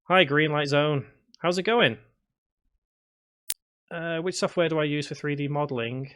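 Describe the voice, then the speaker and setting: Speaking at an unhurried pace, this Liverpool-area man has a fairly high, somewhat bright voice that's clear and resonant, with a faded Scouse accent. He tutors game development on a relaxed livestream, responding to viewer comments. Now and then he mumbles to himself as he works.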